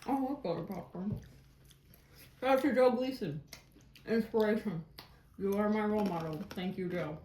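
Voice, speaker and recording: A woman's voice: medium pitch, moderate pace, pauses often, mellow. A woman chatting casually as she takes part in an eating challenge, talking between mouthfuls of jelly beans. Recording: roomy echo with background noise.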